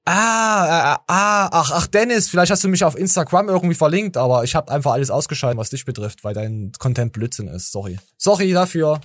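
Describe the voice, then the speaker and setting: A man's voice: on the high side, expressive, brisk, hardly any pauses, a bit bright, dry recording, studio quality. A tired man hosting a podcast, rambling and joking with stammering restarts. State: tired from little sleep. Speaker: podcast host. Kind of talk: casual chat.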